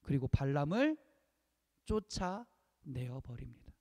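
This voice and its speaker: A man preaching a sermon, emphatic, repeating key phrases and swinging between loud peaks and hushed lines. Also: mid-range voice, sing-song, slow pace. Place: church sanctuary. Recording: long reverb of a church hall.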